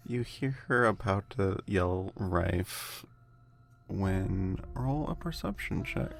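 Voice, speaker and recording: A man narrating a tabletop game as game master, with slow, deliberate descriptions. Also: deep voice, expressive, vocal fry. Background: background music.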